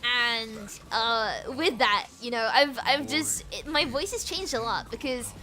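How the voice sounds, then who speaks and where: This game streamer is a young woman whose voice is on the high side, bright and pushed, and a little slow. Her casual chat is bubbly and giggly, full of rambling and repetition, and she switches between a British and an American accent.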